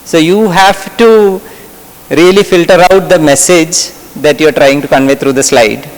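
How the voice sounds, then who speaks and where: A man's voice: fairly high pitch, measured pace. Malayali man lecturing in an echoing hall. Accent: Malayali English. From Kerala, India. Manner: conversational, asks the audience questions, chuckles. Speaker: medical lecturer. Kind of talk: workshop lecture.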